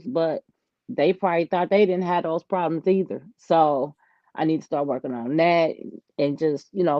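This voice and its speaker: A woman's voice: deep voice, no room sound. Woman about fifty, dull dry recording. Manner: relaxed, agreeable, chimes in with short replies. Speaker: podcast co-host. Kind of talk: casual chat.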